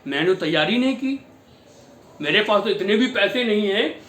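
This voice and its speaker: A man's voice: sits high, expressive, moderate pace, a bit bright, roomy sound, slight background noise. A man voicing a panicked father of the bride who pleads for help in a devotional story. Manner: frantic, pleading, tearful.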